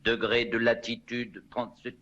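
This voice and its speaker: An actor playing a resolute conspirator in a dubbed 1960s TV drama, speaking in a terse, deliberate way. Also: male voice, mid-range voice, little pitch movement, a bit bright, natural voice. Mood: urgent. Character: resolute male conspirator sending an urgent fake distress call. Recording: dull, hissy old TV soundtrack.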